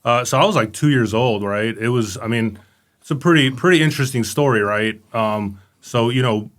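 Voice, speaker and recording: This command sergeant major, a middle-aged Romanian-born man who grew up in Los Angeles, talks easily as an interview guest, leaning on fillers like "you know" and "right?" He speaks at a moderate pace in a medium, fairly bright voice.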